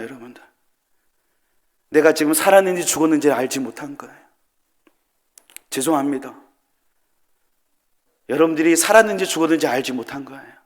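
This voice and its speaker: A man preaching in a church sanctuary with a high voice, throwing question after question at his listeners. He swings from loud, pleading cries down to hushed murmurs. His words ring out with a long hall reverb. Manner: rhetorical questions to the congregation. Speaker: pastor. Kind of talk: sermon.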